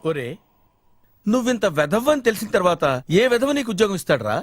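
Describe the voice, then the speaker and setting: A man's voice: high-pitched, sing-song, fast talker, no echo, studio quality. A man playing a pompous, vain middle-aged boss who barks stiff English orders in a film comedy scene. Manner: bossy, mixes stiff English lines. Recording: film audio with background music.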